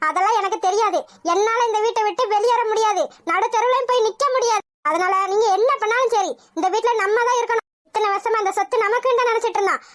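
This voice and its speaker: A fretful, grasping cartoon mother afraid of losing the family house. The voice is very high and squeaky and rattles along fast. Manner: pleading, fretful. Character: anxious greedy middle-aged mother, fretful. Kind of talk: animated cartoon voice acting.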